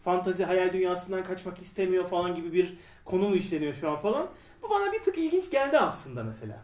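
A man co-hosting a casual review chat, talking in an animated, rambling way with lots of fillers. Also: high voice, fast. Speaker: podcast co-host. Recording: roomy echo, a bit far from the mic.

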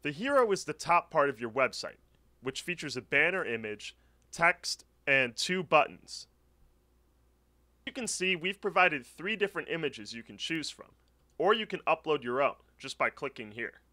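Bright, lively male tutorial voice. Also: on the high side, moderate pace. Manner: clear step-by-step instructional. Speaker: tutorial narrator. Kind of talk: scripted screen-recording walkthrough. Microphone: voice-over.

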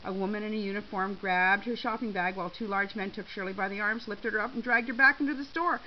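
A woman reading a short story aloud in a lively, expressive way. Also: medium pitch, quick pace. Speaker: reader. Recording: slightly dull with faint hiss.

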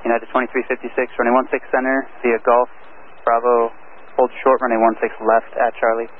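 A man's voice: medium pitch, completely flat delivery, brisk. A man working as a ground controller, giving taxi instructions over an aircraft radio with static. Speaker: ground air traffic controller. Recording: narrow radio band with faint static.

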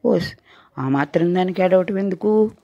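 A woman voicing a breezy, offhand puppy who speaks briskly with a raised voice. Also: lowish voice, mellow, no echo, voice pushed up. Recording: dull lo-fi recording.

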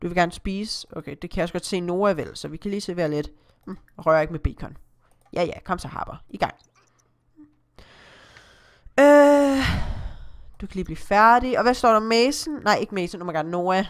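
Playing her own game as a Let's Play host, a Danish-accented woman with a fairly low pitch keeps up casual chatter. She frequently exclaims and reads out what appears on screen.

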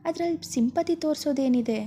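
A woman voicing an anxious, caring young female friend who fusses with quick worried questions. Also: high voice, mellow, a little hiss or hum, pitched above the performer's own voice, close to an everyday voice.

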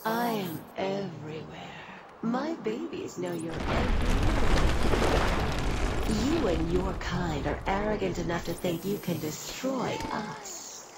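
Poison Ivy, a calm menacing villain. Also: female voice, mid-range voice, slow, creaky, heavy background noise, full character voice. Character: calm, menacing villainous woman who commands plants. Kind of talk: video game voice acting.

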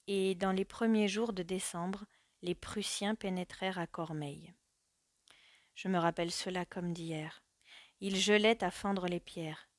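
Grave woman narrating a dark tale. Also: lowish voice, no room sound. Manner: measured, grave reading with soft hushed passages. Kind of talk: literary audiobook narration.

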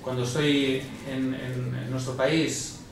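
A man's voice: medium pitch, level tone, takes it slowly, creaky, noisy background. A man giving a medical conference lecture, explaining slides and often repeating words as he thinks. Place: large lecture hall. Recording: echoey hall from far off.

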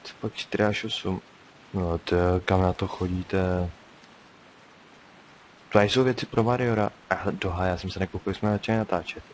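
In a rough recording with faint hiss, a young gamer talks through his let's-play in a low, steady voice. He pauses often, chatting casually and muttering to himself as he plays.

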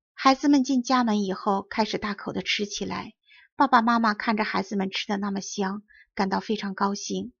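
A woman reads a children's fairy tale in measured, carefully enunciated narration. Her voice is husky with a gravelly edge, at a middle pitch. The recording is dry and somewhat dull and lo-fi. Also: no echo. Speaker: audiobook narrator. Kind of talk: scripted storybook narration.

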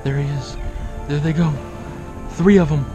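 Out on open water, a Kansas-born man who grew up in Oklahoma narrates an excited outdoor vlog into an action camera fixed to his kayak. He speaks at a moderate pace in a steady tone, though his breathless, awestruck exclamations frequently rise high. The recording has its highs cut off, with music in the background.

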